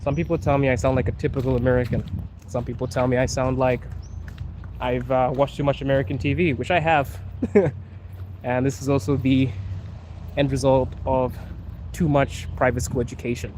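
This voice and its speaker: A man's voice: medium pitch, steady tone, normal speed, darkish tone. A man from Zimbabwe live-streaming as he walks outdoors, chatting casually and reading viewer comments aloud. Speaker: streamer and podcast host. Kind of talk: live-stream walking chat. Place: outdoors on city streets. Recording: noisy outdoor street recording. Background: traffic and street noise.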